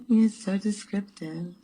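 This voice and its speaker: A woman making a teasing, suggestive prank call through a voice changer that shifts her voice deep. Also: slow, warm tone, slight background noise, poor audio. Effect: deep pitch-shifted voice changer. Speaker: prank caller. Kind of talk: flirty phone prank call.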